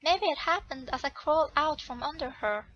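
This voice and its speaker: A woman's voice: sits high, normal speed, a bit bright, highs cut off. Woman reading as a haughty rude young prince. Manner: haughty, insulting. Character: arrogant rude young foreign prince, male.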